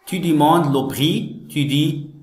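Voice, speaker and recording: A man teaching French, explaining slowly and patiently, repeating each phrase and glossing it in English. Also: on the high side, a little mellow. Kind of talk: slow classroom explanation. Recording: echoey room.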